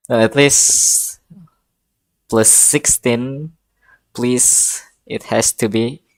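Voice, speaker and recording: A game livestreamer chats casually and hesitantly, muttering to themselves mid-stream in a steady, mid-range voice. They speak extremely slowly with frequent pauses. The audio is poor but has no echo, and game music plays behind the voice.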